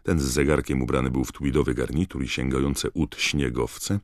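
A man narrating an audiobook with a measured, gravelly storytelling voice. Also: extremely low pitch, fairly even intonation, dry recording, clean studio sound.

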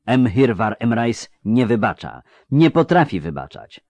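A man reading an audiobook, voicing a grave nobleman with a bass voice. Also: sing-song, a little slow, a little mellow, no echo.

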